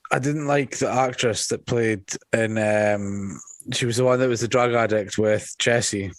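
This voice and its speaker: A man's voice: lowish voice, fairly even intonation, unhurried, no room sound. A man co-hosting a podcast, talking bluntly in casual chat with swearing and dry jokes. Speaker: podcast co-host.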